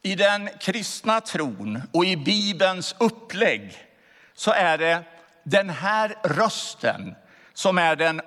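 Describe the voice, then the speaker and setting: A male pastor delivers a sermon in a slow, emphatic style and leans hard on the important words. His voice sits a little high for a man and moves through wide, animated swings of pitch. Long church reverb trails after each phrase. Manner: slow emphatic preaching with drawn-out key words.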